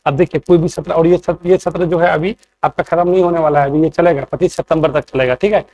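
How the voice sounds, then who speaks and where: A man's voice: on the high side, steady tone, fast, darkish tone, muffled recording. Man, lecturing in class. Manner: asks quiz questions and answers them, keeps checking in. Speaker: exam coaching teacher.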